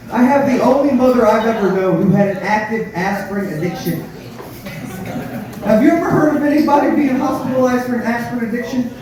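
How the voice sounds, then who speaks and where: A man performing live stand-up comedy, telling crude, profane, dark-humored stories in a conversational way straight to the crowd. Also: very high voice. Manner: conversational storytelling, addresses the crowd directly. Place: live comedy show with audience, echoey room. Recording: echoey room, distant mic, audience noise.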